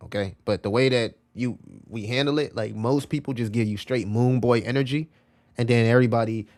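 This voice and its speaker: A man hosting a casual live stream, talking in a loose, slangy and repetitive way and answering chat messages as he reads them. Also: mid-range voice. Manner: loose, slangy and repetitive, often calling out "bro". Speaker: crypto livestream host.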